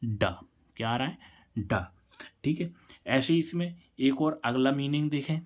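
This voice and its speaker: A man with an animated, somewhat dark mid-range voice leads a classroom-style English spelling lesson at a slightly slow pace. He poses a question, answers it himself, and spells words out letter by letter.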